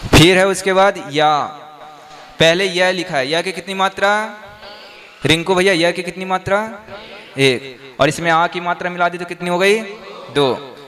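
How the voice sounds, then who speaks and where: A monk leads a class in a slow, measured voice, stopping again and again to quiz his listeners. His tone is bright and a little high for a man. He explains each step with patience. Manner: quizzes the class with repeated questions. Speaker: Jain monk teaching verse meter. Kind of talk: classroom teaching.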